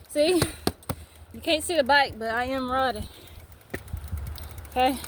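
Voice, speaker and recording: Winded woman vlogger on a bike, high voice, slow drawl, faint road noise. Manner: breathless, laughing, playful exclamations. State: out of breath. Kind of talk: casual chat while riding a bike. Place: outdoors on a bike on hilly roads.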